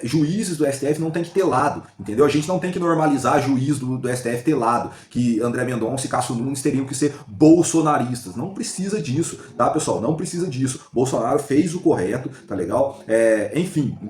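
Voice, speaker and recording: A man hosting a political react channel, commenting in a casual, chatty way and tagging phrases with quick check-ins. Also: mid-range voice, darkish tone, echoey room. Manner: chatty, repeats "tá?" and "né?" between phrases.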